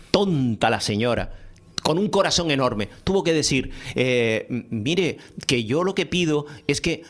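A man hosting a heated studio discussion, impassioned and emphatic, repeating phrases for effect. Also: on the high side.

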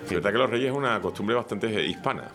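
A man's voice: lowish voice, music in the background. A man hosting a casual roundtable chat, teasing his guests with jokes. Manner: jokey, teasing, quick to interrupt. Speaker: radio talk show host.

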